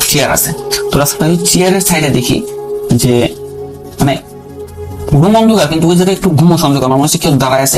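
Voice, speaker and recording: A man with a slightly high voice calls in to tell his own story, rambling casually, repeating phrases and often turning back to the host. The audio quality is poor, and music plays beneath his voice.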